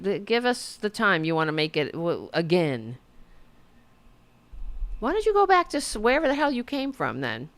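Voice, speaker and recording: Hosting a podcast of offhand political commentary, a woman with a clean, mid-range voice sounds sarcastic, mocking and profane. She often gets exasperated and keeps repeating her demands.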